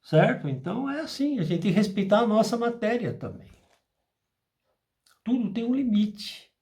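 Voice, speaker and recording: A man's voice: high voice, normal speed. A man giving an informal spiritual lesson, acting out little dialogues as he explains. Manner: animated, acts out dialogues in asides. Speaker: spiritual therapy teacher.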